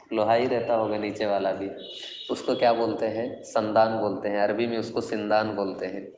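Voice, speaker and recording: Explaining classical Arabic poetry verse by verse in Urdu, a man questions his students as he goes. He has a lowish, somewhat dark voice, and the audio is dull, with a bit of hiss or hum and the long reverb of an echoey classroom.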